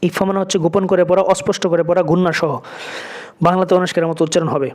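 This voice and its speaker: A man teaching Quran reading, spelling out letters and vowels syllable by syllable and chanting the words slowly. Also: high voice, little pitch movement, darkish tone. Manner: slow syllable-by-syllable drilling, drawn-out chanted recitation.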